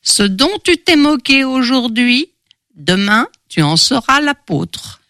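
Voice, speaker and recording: An eerie old beggar woman reading palms in a storybook tale. Her voice climbs high and quavers with a mysterious, prophetic edge. The sound is dry and close. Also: sing-song, takes it slowly, a bit bright, dry recording, heavily acted. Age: older.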